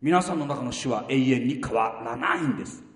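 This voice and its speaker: A man's voice: medium pitch, lively intonation, moderate pace. A man preaching a sermon as pastor, bluntly firing rhetorical questions at the congregation. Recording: echoey hall, mic far off.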